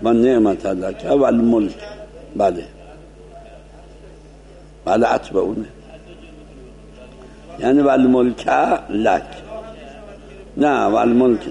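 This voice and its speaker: A man teaching a seminary lecture as a cleric, explaining points and slowly demonstrating Arabic pronunciation. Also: medium pitch, creaky, mellow, echoey room.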